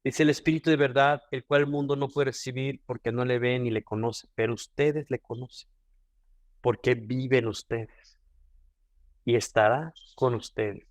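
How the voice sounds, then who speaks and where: With a Mexican Spanish accent, this man delivers an earnest devotional teaching and frequently repeats or restarts his phrases. His voice is mid-range, his intonation fairly even, his pace moderate, and there's no echo.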